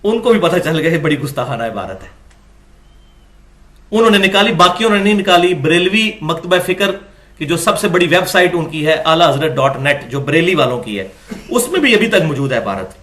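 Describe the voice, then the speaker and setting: Male religious lecturer, high and bright-toned, argumentative and full of rhetorical questions. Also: very animated. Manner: argumentative, rhetorical questions, rises sharply when indignant.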